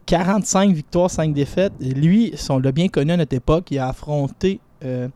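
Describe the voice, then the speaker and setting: A man's voice: fairly high pitch, fairly quick, warm tone. A man with a Quebec French accent, counting down a list on a radio segment in a playful, chatty way. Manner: playful, chatty, stretches out names. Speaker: boxing segment contributor.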